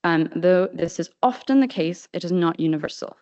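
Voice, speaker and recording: A woman presenting an academic paper at a conference, reading from a script in a measured way with frequent ums. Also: lowish voice, lively intonation, warm tone, dry recording. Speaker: conference speaker. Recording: dull, lo-fi sound.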